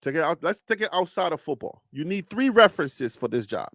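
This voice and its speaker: Talking a little fast with some vocal fry, a Liberian-accented live show host argues emphatically in casual stream commentary, teasing and asking rhetorical questions. His voice is animated and rises in pitch during arguments. The recording is studio quality, with no room sound.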